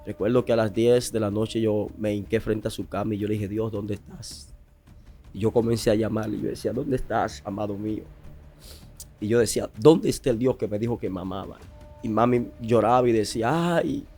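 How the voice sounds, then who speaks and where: A pastor from the Dominican Republic tells a moving testimony in a low-pitched male voice. He builds his story with rising emphasis, pressing harder at the key moments. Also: fast talker, mellow, faint music behind. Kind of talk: emotional testimony.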